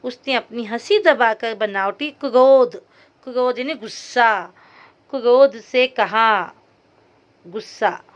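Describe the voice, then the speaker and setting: A woman's voice: on the high side, takes it slowly. A woman teacher reading a story aloud to young students, stopping to explain hard words along the way. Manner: talks straight to young students.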